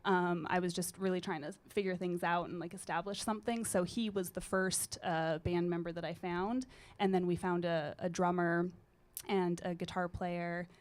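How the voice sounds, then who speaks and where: At a college radio station, a singer-songwriter guest in her thirties from British Columbia, Canada, chats casually into a studio microphone at a normal pace. Her voice is low with a gritty grain. She rambles in a relaxed way, dropping frequent ums and uhs like a musician at ease in conversation.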